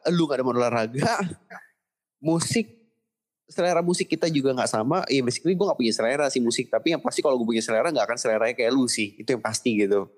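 An Indonesian man with a colloquial Jakarta accent chats casually in a medium-pitched voice. He is blunt and teasing, and drops English words into his slang. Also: quick pace. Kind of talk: casual chat.

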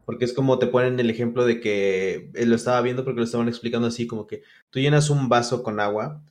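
A Mexican-accented man talks casually as a podcast co-host. His nose is stuffed up with a cold, so he sounds congested. The pitch is average for a man. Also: fairly even intonation, quick pace, a little mellow.

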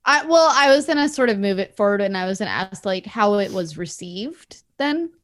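Giggly, lively-voiced woman podcast co-host. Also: medium pitch, normal speed. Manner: giggly, blunt, bemused. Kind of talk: casual chat.

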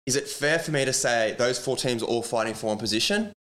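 A man's voice: medium pitch, fast, a bit bright. An Australian man hosting a sports podcast in casual chat, with a blokey, matey, slangy manner like a tradie.

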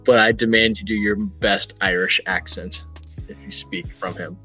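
A man hosting a casual podcast chat, his lowish voice husky and breathy at the edges. He talks with a forceful, tense push, rambling from joke to joke in loose banter. Faint music sits behind him. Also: fairly even intonation, moderate pace. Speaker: podcast host.

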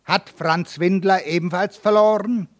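A man's voice: high-pitched, unhurried. A man reading as a cold, scornful old-time judge. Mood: interrogating. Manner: cold, threatening, mocking. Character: stern, scornful male village judge.

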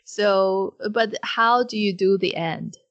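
A woman's voice: medium pitch, slow, fairly bright tone, lo-fi sound. A woman co-hosting an explanatory podcast discussion, choosing her phrasing carefully and with some hesitation. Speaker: podcast co-host.

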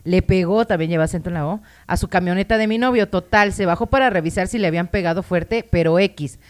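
A woman's voice: fairly low pitch, quick pace. Young Mexican woman, crude and laughing. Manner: crude, laughing, reads listener stories aloud. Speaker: podcast co-host. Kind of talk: casual live-stream chat.

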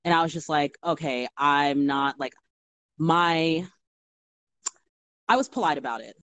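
A young woman, a bartender, telling stories in a casual, animated chat full of fillers. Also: low voice, unhurried, no room sound, lo-fi sound. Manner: animated storytelling with many fillers. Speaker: guest bartender.

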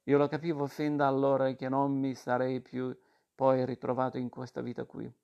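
A man's voice: mid-range voice, completely flat delivery, moderate pace, vocal fry, muffled recording, lightly acted. Man reading as a bitter young war veteran. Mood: resentful. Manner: angry, insistent.

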